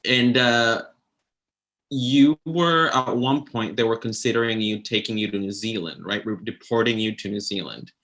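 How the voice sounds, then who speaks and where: Guy with a lowish voice interviewing someone, casual, nudging with questions. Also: fairly bright tone. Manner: conversational, prompting with questions and quick acknowledgements. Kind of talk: livestream interview.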